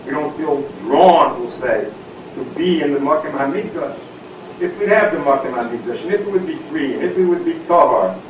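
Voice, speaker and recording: A man giving a Torah lecture, explaining verses and asking rhetorical questions, often saying "we'll say" and "I mean". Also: a little high. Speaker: Torah teacher. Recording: echoey, distant, dull and noisy.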